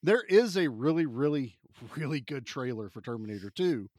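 A man's voice: mid-range voice, animated, moderate pace, darkish tone, dry recording. A male podcast co-host who rambles enthusiastically through his memories. His mid-range voice sits dry and close on the mic. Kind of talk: casual chat.

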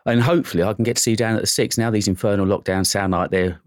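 A man's voice: on the low side, fairly even intonation, rapid-fire, no room sound, clean studio sound. A middle-aged man hosting a show, rambling a little with plenty of fillers as he interviews a guest. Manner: rambling, warm thanks, many fillers. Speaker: radio show host. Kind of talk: casual interview chat.

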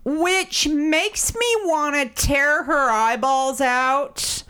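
A woman's voice: high voice, drawn-out words. A woman telling stories in a casual chat, blunt and profane, acting out the people she talks about. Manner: blunt, profane, razor-sharp ranting; animated storytelling with mimicked voices.

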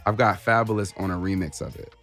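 A man's voice: low voice, fast talker, fairly bright tone, faint music behind. A man co-hosting a casual chat about hip-hop records, thinking aloud with many ums and restarts. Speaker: podcast co-host.

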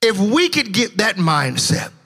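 A man with a very high, bright voice preaching a sermon with fervor, rising into shouted, sing-song cadences. His tone is a little husky at the edges. He is heard in a church with a long, ringing reverb and faint band music behind him. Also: sing-song, unhurried. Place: church sanctuary.

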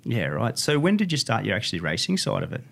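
A man's voice: lowish voice, huge pitch swings, fast, gravelly, fairly bright tone. An Australian man hosting a casual interview podcast, talking in an informal, blokey tradesman manner. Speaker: podcast host.

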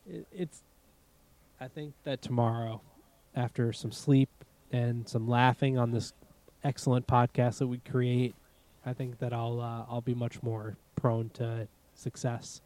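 A man's voice: medium pitch, level tone, unhurried, warm tone. A man with a Massachusetts accent co-hosting a casual podcast, swearing freely and laughing often. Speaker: podcast co-host. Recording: remote recording without proper mics.

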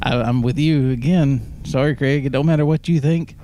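A man's voice: medium pitch, fairly quick, warm tone, slight background noise. A man chatting casually on a podcast, making dry, teasing remarks. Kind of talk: casual chat.

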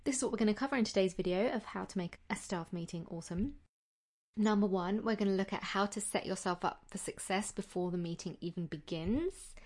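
A middle-aged woman presents an upbeat, tidy advice vlog with a medium-pitched voice. She is chatty and reassuring, and she lays out her tips in an organised, step-by-step way like an experienced teacher. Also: brisk, a little mellow. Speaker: teacher giving advice as host.

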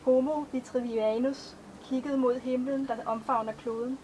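A woman reading her own poems aloud at a live event, in a slow, measured recital. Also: sits high, steady tone, dark tone, a little hiss or hum, low-quality recording. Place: outdoor festival stage.

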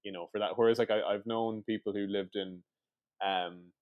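A man with a west of Ireland accent and a low voice talks casually about sport. He rambles and hesitates, leaning on little filler phrases. The sound is dry, with very little room. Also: steady tone, moderate pace, clear, resonant tone, no echo, phone-quality sound. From Sligo, west of Ireland. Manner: hesitant, rambling, many "like" and "you know". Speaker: podcast co-host.

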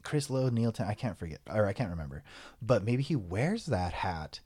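Low, lively-voiced man co-hosting. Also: normal speed, husky. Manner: rambling, lots of ums and likes. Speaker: podcast co-host. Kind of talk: casual chat.

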